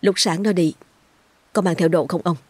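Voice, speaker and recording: A woman's voice: lowish voice, steady tone, moderate pace, breathy edge, dry recording. A woman voicing a frantic middle-aged village mother who stammers with anxiety. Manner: anxious, stammering.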